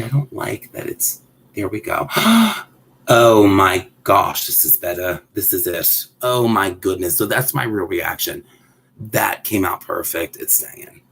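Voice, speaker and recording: A man vlogging casually at home, rambling and excitable, often breaking off mid-thought. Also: lowish voice, vocal fry, slight background noise, poor audio. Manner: rambling, excitable, self-interrupting. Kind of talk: casual chat while handling a doll.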